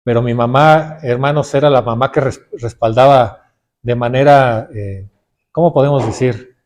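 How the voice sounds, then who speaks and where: A man's voice: medium pitch, moderate pace, darkish tone. A middle-aged man with a Mexican Spanish accent preaching a sermon, often calling his listeners brothers and putting questions to them.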